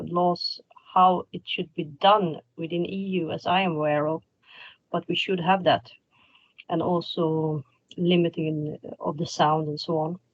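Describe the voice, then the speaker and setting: A panel guest answering a question at an online conference, halting and searching for words. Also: medium pitch, dull audio.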